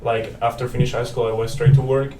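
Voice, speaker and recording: A man's voice: medium pitch, flat delivery, brisk, warm tone, far from the mic. A young man in his twenties from Paraguay, a native Spanish speaker, chatting as a student guest in a friendly, rambling way with many fillers and restarts. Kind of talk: casual interview chat. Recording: roomy, off-mic with faint noise.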